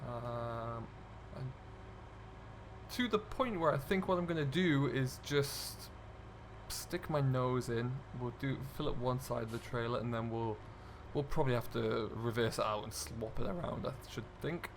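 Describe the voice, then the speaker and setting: At a measured pace and medium pitch, a British man hosts a farming simulator role play stream, chatting casually, explaining and musing as he plays. The tractor and loader engines of the game are clearly audible in the background.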